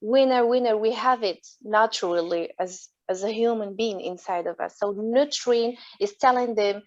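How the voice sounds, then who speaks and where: A woman's voice: medium pitch, normal speed, dry recording. French-accented woman, muffled call audio. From Morocco. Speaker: webinar guest. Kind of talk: earnest panel talk.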